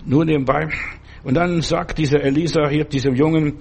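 A man's voice: a little high, steady tone, normal speed, gravelly, a little mellow, slightly rough. A man preaching a sermon and reading a Bible story, talking in an earnest, fatherly way straight to the listener.

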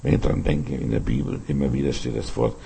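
Fervent gravelly-voiced man preaching. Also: mid-range voice, very animated, brisk, slight background noise. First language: German. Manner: fervent, bursts into shouted calls. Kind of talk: sermon.

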